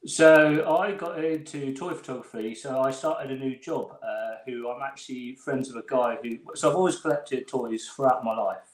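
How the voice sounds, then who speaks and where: A man's voice: mid-range voice, normal speed, reverberant. A man from England with a southern English accent, a guest chatting casually and laughing as he rambles through his story. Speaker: guest toy photographer. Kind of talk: casual chat.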